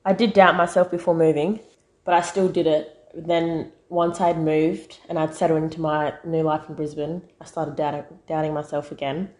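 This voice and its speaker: A young woman with an Australian accent and a notably low voice, speaking earnestly and with encouragement as an interview guest. Her chat is casual and warm in tone, urging listeners not to be afraid. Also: flat delivery, moderate pace.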